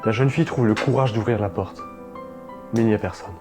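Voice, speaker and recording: A man's voice: lowish voice, fairly quick. A young man co-hosting a horror video, narrating eerie stories dramatically with chatty asides to viewers. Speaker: co-host. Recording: music playing behind.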